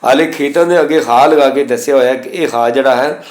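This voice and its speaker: A man teaching the pronunciation of scripture, reciting verses slowly and spelling out letters and vowel signs methodically. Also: mid-range voice, echoey room. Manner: slow chanted recitation of verses between explanations. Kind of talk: recorded lesson on scripture pronunciation.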